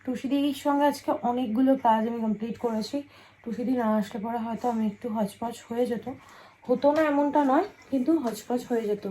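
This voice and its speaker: A woman's voice: fairly high pitch, brisk, a little hiss or hum, rough recording. A woman chatting to viewers in a home vlog, showing things around her house. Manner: talking softly at night. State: tired and sleepy. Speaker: vlogger. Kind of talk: casual home vlog chat.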